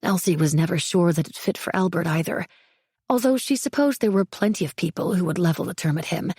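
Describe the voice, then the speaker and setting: A woman reading a thriller audiobook in a measured, even narration. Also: on the low side, husky, no echo, clean studio sound.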